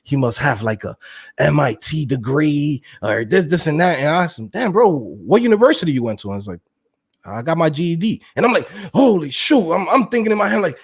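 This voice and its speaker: A young man telling his story as an interview guest, slangy and animated, acting out quotes with laughs. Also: a little high, brisk, husky. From Queens, New York. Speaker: guest, web developer.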